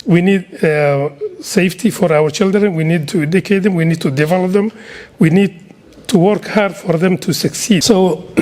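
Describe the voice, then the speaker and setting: A middle-aged Somali man with a Somali accent addresses an audience as a community speaker, his high-pitched voice slightly mellow. His speech is earnest and exhorting, and he repeats himself for emphasis.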